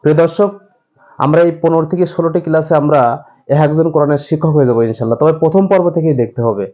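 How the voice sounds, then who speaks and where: A man teaching Quran reading in a recorded class, asking and answering his own questions and drawing out example words slowly to show how they sound. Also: fairly high pitch, dark tone, highs cut off. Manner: repeats examples slowly, drawing out vowels to demonstrate pronunciation; addresses viewers directly, asks and answers his own questions.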